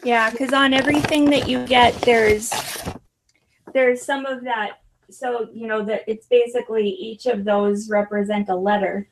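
A woman's voice: fairly high pitch, steady tone, unhurried, background noise. A woman explaining things in casual conversation.

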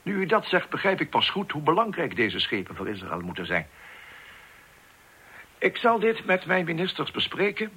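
An actor playing a cautious elderly chancellor in a radio drama, speaking formally and deliberately. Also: male voice, fairly high pitch, huge pitch swings, pushed and bright, slightly rough, exaggerated voice. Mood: measured. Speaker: statesman.

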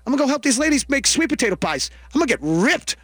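A man's voice: very high-pitched, big pitch swings, fast, a bit bright, breathy edge, no echo, clean studio sound. A man co-hosting a comedy radio show, chatting casually in rambling, slangy banter.

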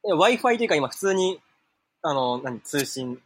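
A man with a husky voice, chatting casually as a podcast co-host. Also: a little high, big pitch swings, moderate pace, no room sound. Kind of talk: casual chat. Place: Thai restaurant or cafe, calling in.

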